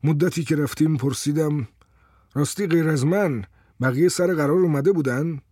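A man narrating a first-person story in a calm, wry way. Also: on the high side, slightly rough, no echo, studio quality.

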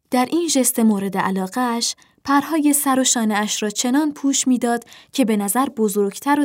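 Soft-spoken woman reading a storybook. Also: on the high side. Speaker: narrator. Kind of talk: storybook narration.

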